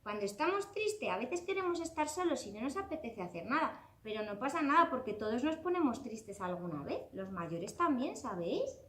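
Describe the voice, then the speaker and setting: Animated woman telling a children's story. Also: on the high side, moderate pace, hardly any pauses, roomy sound. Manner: expressive, exclaiming, addressing children directly.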